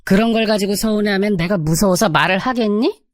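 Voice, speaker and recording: A woman's voice: medium pitch, quick pace, dry recording, studio quality, voice pushed up, lightly acted. A woman voicing a nagging, domineering older mother-in-law in a radio-drama story reading. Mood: indignant. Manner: scolding, condescending, raises voice.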